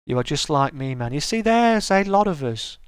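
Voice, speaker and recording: Recorded in studio quality with no room sound, a middle-aged streamer talks in a fairly high, sing-song voice at a moderate pace. The voice is smooth and soothing as he reads and answers comments in a casual live chat. He comes across as friendly and chatty, stumbling and restarting often.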